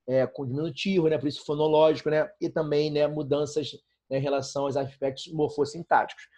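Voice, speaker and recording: Male teacher, casual lecturing with constant check-ins, mellow tone. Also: fairly high pitch. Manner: chatty, filler-heavy, frequent rhetorical checks. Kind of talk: online class lecture.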